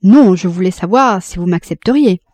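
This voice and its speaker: A man's voice: sits high, normal speed, darkish tone, dry recording. A woman voicing a young man in love who speaks in an earnest, pleading way.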